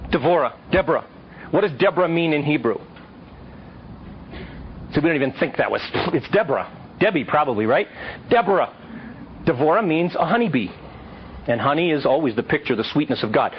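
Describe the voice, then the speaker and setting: Guy teaching a crowd, higher voice, tells stories and quizzes people, muffled lo-fi sound. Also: slight background noise. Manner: lively storytelling, quizzing the audience. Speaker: Bible teacher. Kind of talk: teaching to a live audience. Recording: dull lo-fi recording.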